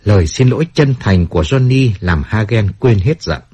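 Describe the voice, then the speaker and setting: A man narrating a translated novel as an audiobook, in an expressive storytelling manner. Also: on the low side, moderate pace, slight background noise.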